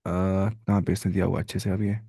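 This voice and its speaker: Lively man teaching a class. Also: low voice, fairly quick, gravelly, husky, no echo, clean studio sound. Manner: lively, asks the class questions and answers them himself. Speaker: biology teacher. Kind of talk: live online lesson.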